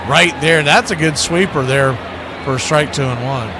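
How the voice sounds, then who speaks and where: A man whose voice runs on the high side calls a live baseball game for radio at a moderate pace, with background noise behind him. His play-by-play is casual and conversational, built on terse calls and wry asides.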